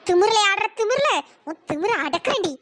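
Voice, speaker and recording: A woman's voice: very high-pitched, expressive, moderate pace, no room sound. A woman voicing a furious, cursing old mother-in-law in a cartoon. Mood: furious scolding. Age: older. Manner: shrieking, cursing, scolding. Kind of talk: cartoon voice acting.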